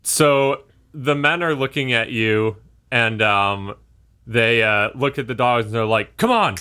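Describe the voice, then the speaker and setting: A man narrating a tabletop game as game master, relaxed and hesitant with many fillers. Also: mid-range voice, slow, clean tone.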